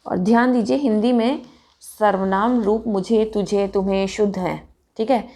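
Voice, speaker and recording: A woman teaching a Hindi grammar lesson for children, pronouncing each word slowly and deliberately. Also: mid-range voice, fairly even intonation, mellow. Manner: slow and deliberate, drawing out words.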